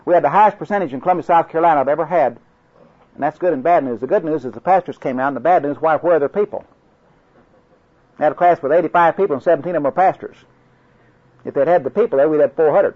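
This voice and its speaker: A husky male voice sitting on the high side comes from an older man from Oklahoma, accent and all. In his role as evangelistic crusade class instructor, he rambles through a folksy, joke-filled training talk for instructors, drawling stories and restarting frequently, on a dull lo-fi recording.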